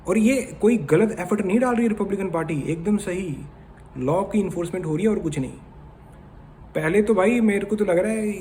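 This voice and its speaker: A man from India holds forth in a casual vlog, chatty and opinionated, steering his viewers like a lecturer. His voice sits high for a man, with a faint hiss of noise underneath. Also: warm tone. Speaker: vlogger.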